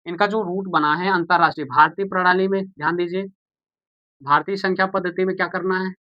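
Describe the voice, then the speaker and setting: A man's voice: sits high, steady tone, brisk, no echo, highs cut off. A man teaching a maths lesson, patient and repetitive, who asks the viewers questions and answers them himself. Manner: patient, repeats steps, calls viewers "beta" and "bhaiya".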